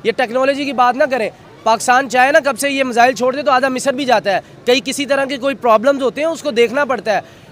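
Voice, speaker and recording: A man's voice: very high voice, fast, a bit bright. A man interviewed outdoors on a street, talking fervently with repeated words and restarts. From Pakistan. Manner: fervent, repetitive, stumbling restarts.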